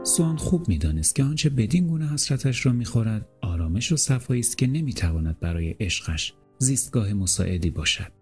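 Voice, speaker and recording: A man reading a literary novel aloud as an audiobook narrator, in a measured, calm and deliberate way. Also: mid-range voice, faint music behind.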